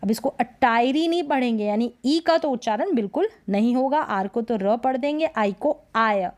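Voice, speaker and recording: A woman with a somewhat high voice leads a pronunciation lesson. She stretches words out slowly, repeating each sound several times. She keeps checking in with the learner through quick rhetorical questions. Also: animated, a little mellow. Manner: slow, drawn-out syllable-by-syllable demonstrations, frequent rhetorical questions. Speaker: English pronunciation teacher. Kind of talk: spoken lesson.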